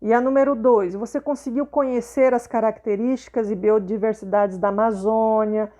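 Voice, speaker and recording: Woman, teacher, patient explainer, voice a bit high. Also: steady tone, moderate pace, warm tone. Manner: patient, checks understanding with tags like "tá?" and "né?". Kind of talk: explaining a lesson to pupils.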